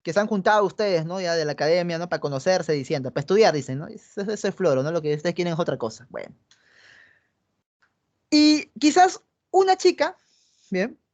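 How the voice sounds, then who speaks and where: Her voice is lowish and mellow, a bit fast, with big swings in pitch. She's a Peruvian-accented woman teaching pre-university psychology online, explaining step by step and checking with her students after almost every point, captured in dull lo-fi class audio.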